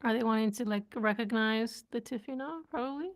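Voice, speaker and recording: On a live stream, a young woman who vlogs and is learning a language chats casually in a slightly high, fairly quick voice, giggling and sounding out words as she learns them.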